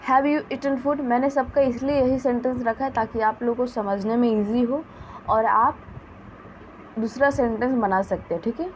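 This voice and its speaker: A woman teaching a grammar lesson, dictating example sentences slowly and carefully. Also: on the high side, slight background noise, rough recording. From India. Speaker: English teacher.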